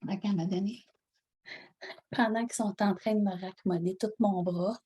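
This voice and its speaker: Sick with pneumonia and prone to coughs, a Québécois woman taking part in a coaching call from home laughs her way through a lively, casual story, playing out the dialogue herself. Her voice is husky and mid-range, at normal speed.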